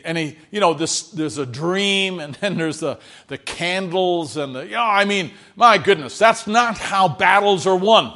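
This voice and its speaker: A man with a voice on the high side preaches conversationally, frequently checking in with listeners and swinging between loud emphasis and quiet asides.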